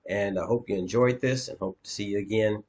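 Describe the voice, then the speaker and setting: A man coaching viewers in a screen-share walkthrough, talking plainly and haltingly with many fillers. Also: lowish voice, fairly even intonation, darkish tone. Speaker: dating coach.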